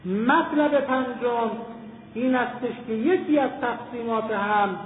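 Male lecturer, high voice, measured classroom delivery that leans on key terms; tinny, roomy recording. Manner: deliberate, slows and stresses key terms. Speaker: teacher of Islamic philosophy. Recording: tinny, echoey hall recording.

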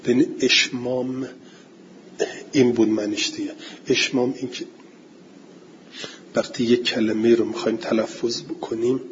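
A man teaching Arabic grammar in a classroom lecture, reciting Arabic text slowly and then explaining it. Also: medium pitch. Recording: dull lo-fi recording with faint hiss.

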